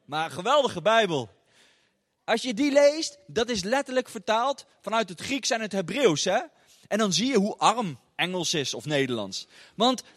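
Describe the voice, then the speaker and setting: High-voiced man preaching in a reverberant hall. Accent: Dutch. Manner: chatty, with frequent tag questions and filler sounds. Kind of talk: sermon. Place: church hall.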